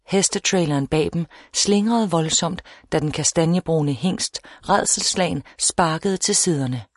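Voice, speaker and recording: A woman reading a novel aloud as an audiobook narrator, in a steady, measured storytelling manner. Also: deep voice, dry recording, clean studio sound. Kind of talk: scripted narration.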